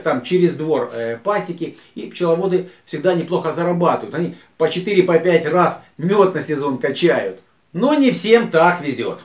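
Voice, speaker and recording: A middle-aged man talks to a camera set up across a table, his fairly high voice bouncing around a small echoey room. He gives beekeeping advice in a plain, homely way, dropping "eh" between phrases and gesturing as he speaks. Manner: frequent "eh" fillers, dry chuckles, gesturing. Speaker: beekeeper vlogger. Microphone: fixed camera at table distance.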